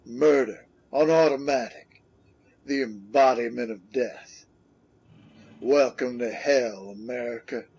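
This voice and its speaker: A brooding male radio commentator muses slowly in a husky voice. The sound is dull and lo-fi, as if heard over an old radio. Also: medium pitch, a little mellow, exaggerated voice. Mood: bleak. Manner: slow, brooding, philosophical monologue.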